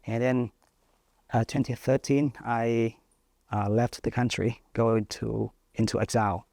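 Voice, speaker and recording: Gravelly-voiced Vietnamese man in his thirties. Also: mid-range voice, level tone, a little mellow, dry recording. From northern Vietnam. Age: 30s. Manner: thoughtful, pauses with frequent fillers. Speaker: journalist guest. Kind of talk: interview answers.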